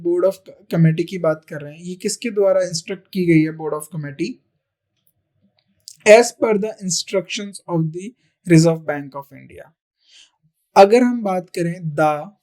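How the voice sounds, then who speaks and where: A teacher giving an exam-prep grammar lesson, who asks the class questions, answers them, repeats key answers and reads example sentences slowly. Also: mid-range voice, mellow.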